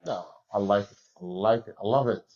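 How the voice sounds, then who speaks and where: Egyptian man in his forties, halting English. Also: fairly low pitch, darkish tone, dull audio. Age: 40s. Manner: halting non-native English with many restarts. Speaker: fighter and MMA coach. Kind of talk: remote interview answers. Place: gym locker room.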